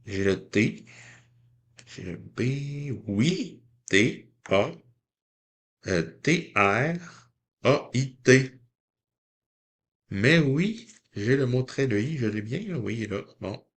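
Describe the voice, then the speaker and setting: Slow-talking Québécois man scratching tickets. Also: medium pitch, expressive. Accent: Québécois French. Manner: chatty, talks to viewers, reads letters aloud one by one. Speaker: lottery scratch-ticket vlogger. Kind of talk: casual commentary while scratching tickets.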